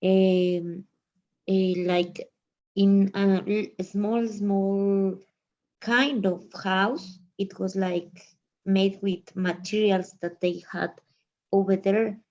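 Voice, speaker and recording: Slow, mellow woman. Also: medium pitch, little pitch movement. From Ecuador. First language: Spanish. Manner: hesitant, many likes and fillers. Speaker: student. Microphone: video call. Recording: dull lo-fi video call.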